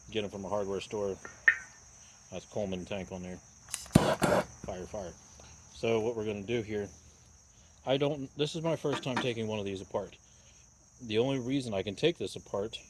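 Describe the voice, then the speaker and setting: Low-voiced man, halting outdoors how-to vlog. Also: poor audio. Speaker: javelin repairer presenting a video. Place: outdoors in a backyard. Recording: clear outdoor noise, insects and ambience.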